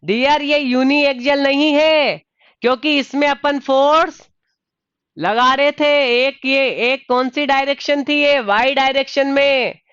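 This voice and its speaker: Male online tutor, high voice, flat even delivery, calls students by name, says dear, repeats questions, dry close sound, slightly dull lo-fi audio. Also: a little slow, dry recording. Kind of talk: live online engineering lecture.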